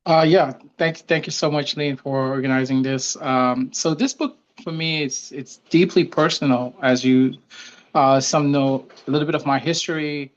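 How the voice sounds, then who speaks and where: Man from Senegal, smooth voice, dull audio. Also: fairly high pitch, fairly even intonation, moderate pace. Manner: earnest, personal, frequent fillers. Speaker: author and guest. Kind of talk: online interview.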